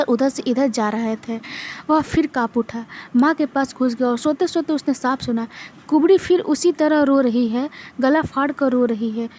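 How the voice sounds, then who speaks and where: A woman reading a short story aloud in a steady narrating manner, with small restarts. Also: sits high, a little hiss or hum. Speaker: literature reader.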